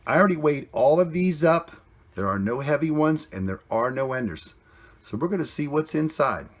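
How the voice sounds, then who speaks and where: A man's voice: fairly high pitch, expressive, moderate pace. A man hosting a coin roll hunting vlog, talking casually and plainly, cheerful about each find, recorded indoors on a camera mic. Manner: chatty, plainspoken, upbeat about finds.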